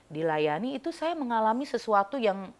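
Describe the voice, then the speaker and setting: A woman telling her personal faith story in an interview, animated and reliving the moments she describes. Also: on the high side, moderate pace. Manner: animated storytelling, reenacting her own words. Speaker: church member giving testimony.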